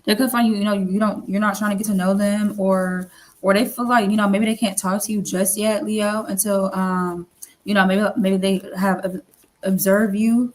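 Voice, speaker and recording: A woman's voice: medium pitch, little pitch movement, normal speed. A woman giving a casual tarot reading, rambling and repeating herself, with lots of fillers and the odd casual swear. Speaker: tarot reader.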